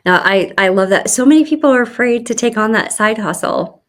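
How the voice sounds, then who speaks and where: A woman's voice: on the high side, lively intonation, brisk. A woman hosting a podcast, chatty and affirming, often restarting her phrases. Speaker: podcast host. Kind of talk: conversational interview.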